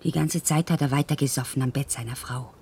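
A man's voice: medium pitch, steady tone, a little fast, a little mellow, husky. An actor playing a blunt, scornful village man gossiping in a radio play.

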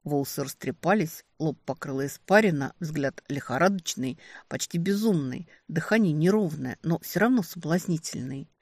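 A woman narrating a first-person romantic fantasy audiobook, expressive and lively on the heroine's lines. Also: low-pitched, moderate pace, hardly any pauses, slightly rough, no echo.

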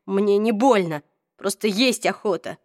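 A woman voicing a weak, hungry young male vampire who speaks hoarsely and strained. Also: mid-range voice, unhurried, darkish tone, no echo, studio quality, natural voice. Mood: panicked, strained.

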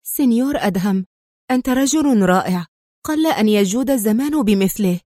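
A woman doing an emotional young woman, bright and high. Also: lively intonation, fairly quick, dry recording, studio quality, close to an everyday voice. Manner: emotional, soft-spoken.

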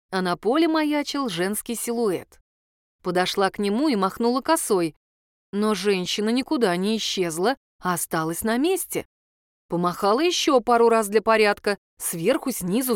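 A woman's voice: a little high, no echo, clean studio sound. A woman narrating a story in the first person as an audiobook, in a wry, conversational manner.

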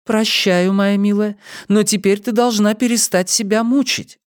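A man reading a book aloud, voicing a tender, calm mother in a soft, soothing voice. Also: mid-range voice, normal speed, no echo, clean studio sound, pitched above the performer's own voice, lightly acted. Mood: gentle. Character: tender middle-aged mother, gentle and calm.

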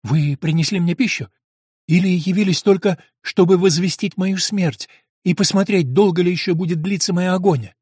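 A man's voice: high voice, normal speed, a little mellow, slightly rough, no echo, clean studio sound, voice pushed up. A man voicing a starving, chained woman prisoner who pleads in breathless exclamations. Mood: desperate.

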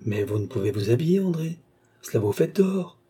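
A man voicing an irascible aging nobleman scolding his daughter in an exasperated, sharp manner. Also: medium pitch, big pitch swings, fairly quick, husky.

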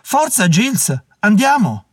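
A man doing a shrill panicked gentleman. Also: big pitch swings, slow, no echo, clean studio sound, full character voice. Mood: alarmed. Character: frightened gentleman in a powdered wig.

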